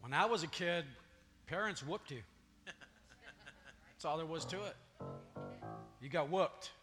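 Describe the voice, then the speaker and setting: Male pastor in full sermon mode, high-pitched, lots of church reverb. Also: slow. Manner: preaching, builds to declarations. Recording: long church reverb, faint music.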